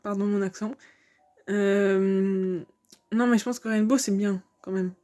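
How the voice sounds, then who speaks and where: A woman's voice: medium pitch, level tone, unhurried, dark tone. A young woman giving casual commentary on a video game, hesitant and thinking aloud with many fillers.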